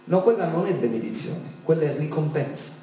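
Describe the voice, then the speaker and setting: A man preaching a sermon in speech, his voice pitched high and insistent as he fires rhetorical questions at the congregation. He sounds far from the microphone, with heavy echo filling the hall and a faint electrical hum underneath. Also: lively intonation, fairly quick, warm tone. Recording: echoey room from a distance.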